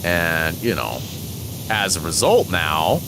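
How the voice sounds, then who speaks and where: A man in his forties with a deep voice rambles through casual chat while playing a game. He talks unhurriedly but with a lively, swooping lilt and chuckles often, over a steady background hiss. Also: slow pace. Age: 40s. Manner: rambling, chuckling, with many fillers. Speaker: gaming channel host.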